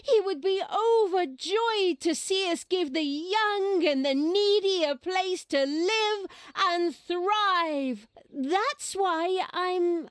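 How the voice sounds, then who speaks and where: Young priestess, very high voice, unhurried delivery, video game cutscene. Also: female voice, no echo, studio quality. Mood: earnest. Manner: sweet, earnest, flustered, then gleeful menace. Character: young female priestess turned dark sorceress.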